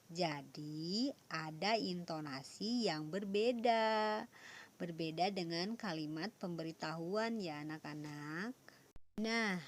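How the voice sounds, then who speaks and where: Woman teacher doing a recorded lesson for little kids, patient, super slow and deliberate. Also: fairly low pitch, fairly bright tone. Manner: patient, addresses the children with tag questions. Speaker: primary school teacher. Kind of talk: recorded lesson for young children.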